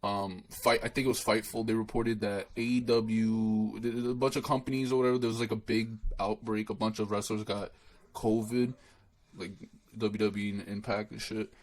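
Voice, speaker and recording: A young man talks through a wrestling recap in a loose, rambling way. He swears freely, restarts his sentences and sounds dismissive of what he saw. His voice sits fairly low. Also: level tone, moderate pace, poor audio. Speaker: wrestling show reviewer. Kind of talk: casual solo recap.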